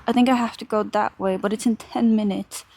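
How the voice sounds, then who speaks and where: Walking outdoors through a park and transit stations, a young Finnish woman in her young adult years chats casually with her live-stream viewers. She speaks a little fast in a steady, slightly high, slightly mellow voice, and there is slight background noise.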